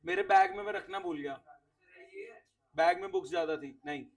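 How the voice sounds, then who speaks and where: A man's voice: high voice, huge pitch swings, a little fast, creaky, recorded from a distance. A man teaching accounts to a class of students, quizzing them, repeating key words and sending off those who answer right.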